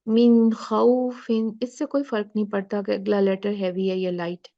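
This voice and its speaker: A woman teaching Quran recitation rules in an online lesson, patiently repeating words slowly and switching between drawn-out recitation and quick explanation, with a sore throat. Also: mid-range voice, dark tone, highs cut off.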